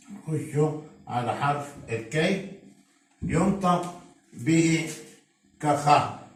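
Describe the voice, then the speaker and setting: Egyptian male teacher, slow and deliberate, repeats words; distant mic in a very reverberant room. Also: a little high. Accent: Egyptian Arabic. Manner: repeats each example word slowly. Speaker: Coptic language teacher. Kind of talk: slow spelled-out pronunciation lesson. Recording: very echoey room, mic far off.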